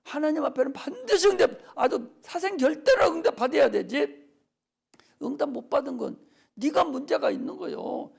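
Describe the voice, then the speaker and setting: An older man, a pastor preaching a Friday worship sermon with fervent urging that drops to soft near-whispers. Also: very high-pitched, animated, moderate pace, gravelly.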